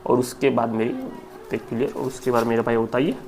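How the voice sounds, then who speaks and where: Indian male tutor, mid-pitched, lively and chatty, faint background noise. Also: fast. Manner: lively, chatty, repeats words aloud, keeps saying "my brother". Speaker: English vocabulary teacher. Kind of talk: online exam-prep lecture.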